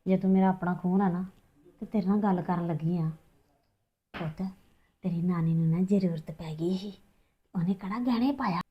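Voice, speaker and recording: A woman's voice: fairly low pitch, slightly rough. An actress playing a scheming middle-aged mother, with a Punjabi accent, speaking defensively and evasively. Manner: defensive, talks fast and evasive. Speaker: mother in a family drama. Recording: dull lo-fi sound.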